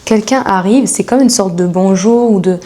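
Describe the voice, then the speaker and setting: A woman coaching English in a relaxed, chatty video lesson. Her voice is mellow and warm, and she slows down to repeat each phrase for her viewers. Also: medium pitch, a little hiss or hum.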